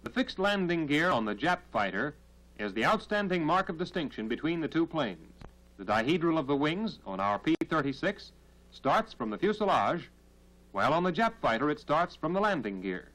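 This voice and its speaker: An American man narrates a 1940s military training film in a fairly high voice that rises and falls animatedly. His instruction is formal and measured, heard on a vintage film soundtrack with poor audio quality.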